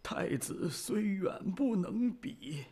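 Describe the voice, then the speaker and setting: A husky dying old general. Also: male voice, high-pitched, expressive, takes it slowly, a little mellow, exaggerated voice. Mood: pleading. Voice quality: husky, weak, breaking into whispers. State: frail and dying. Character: dying loyal old general, humble and pleading. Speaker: general addressing his emperor. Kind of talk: historical TV drama acting.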